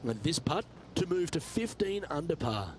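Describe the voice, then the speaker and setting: Higher-voiced male golf commentator. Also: big pitch swings, moderate pace, slight background noise. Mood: measured, engaged. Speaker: golf commentator, lead play-by-play. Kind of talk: golf commentary in a video game. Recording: game music and crowd behind the voice.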